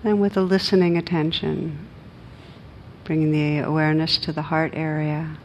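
Speaking in a low, nearly monotone voice, a woman teaching meditation leads listeners through gentle, slow instructions with long gaps between phrases. Behind her sits constant background noise with a low rumble, and the recording sounds muffled.

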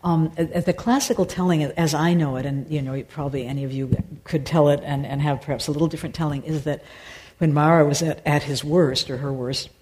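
After a dharma talk, a female meditation teacher who also sings fields questions from the audience, thoughtful and searching, pausing and restarting often. Her voice sits low, with a steady delivery and a somewhat dark tone.

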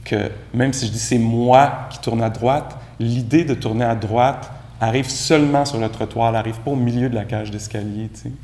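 A man's voice: medium pitch, steady tone, normal speed, few pauses, darkish tone. A man from Quebec with a Quebec French accent giving a casual dharma talk as a meditation teacher, filling his sentences with "tu sais". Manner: casual, conversational, many "tu sais" fillers. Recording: echoey room, faint background noise.

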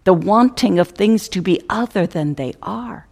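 Her medium-pitched voice is gravelly yet expressive as she leads a guided meditation. She speaks contemplatively and at a measured pace, leaving pauses between brief phrases and letting each ending fade softly.

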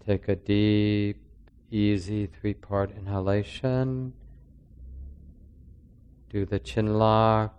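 A man leading a guided breathing meditation in a slow, soft-spoken, calming way. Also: lowish voice, smooth, muffled recording. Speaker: meditation teacher.

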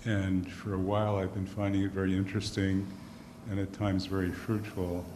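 A man's voice: low-pitched, monotone, normal speed. A man, a retreat participant, introducing himself to the group in a thoughtful, hesitant way. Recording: echoey room with loud background noise.

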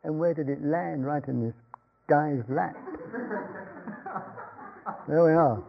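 A man's voice: a little high, takes it slowly, vocal fry. An older man giving a meditation talk, rambling through an anecdote with chuckles and restarts. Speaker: meditation teacher. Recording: dull lo-fi talk recording.

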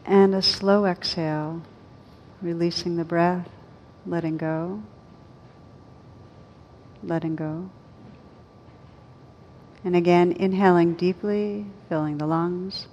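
This guided meditation comes from a woman teacher whose low voice barely varies. She speaks slow, comforting instructions separated by long pauses, and the audio is dull and lo-fi with a rumbling noise underneath.

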